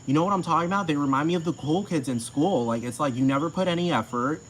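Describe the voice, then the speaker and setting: A man's voice: fairly high pitch, quick pace, a little hiss or hum, low-quality recording. A man ranting to camera in a casual, profane, heated way, repeating himself.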